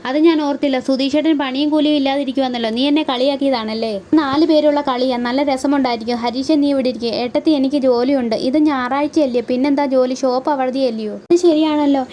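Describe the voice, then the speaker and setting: A woman retelling a TV serial episode in brisk storytelling, reading every part herself. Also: high voice, fairly even intonation, warm tone, slight background noise.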